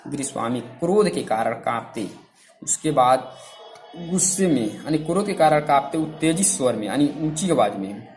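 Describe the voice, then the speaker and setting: A man's voice: medium pitch, expressive, moderate pace, a little mellow, faint music behind. A man teaching a class who reads a story aloud and keeps repeating lines and asking questions about them. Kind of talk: reading and explaining a story to a class.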